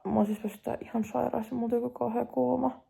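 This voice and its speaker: A woman in her twenties vlogs casually to her phone camera at home, chatty and upbeat with lots of fillers. Her voice is a little high and creaky with a warm tone, though her delivery is flat.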